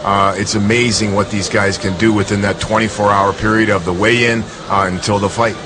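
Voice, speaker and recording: A man's voice: on the low side, level tone, fairly quick, background noise. A man giving casual analysis as a co-commentator at a fight. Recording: music behind commentary.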